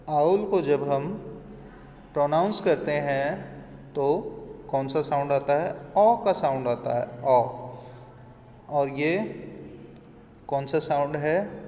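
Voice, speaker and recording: A male teacher explaining grammar slowly, asking rhetorical questions as he goes. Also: on the high side, a little mellow. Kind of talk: classroom grammar lesson. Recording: echoey room, faint ambient noise.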